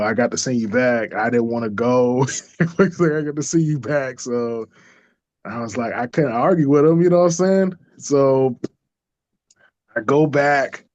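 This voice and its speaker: Animated man telling a personal story. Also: medium pitch, no room sound. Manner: animated, acts out quoted voices, laughs often. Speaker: interview guest. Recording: dull lo-fi dry sound.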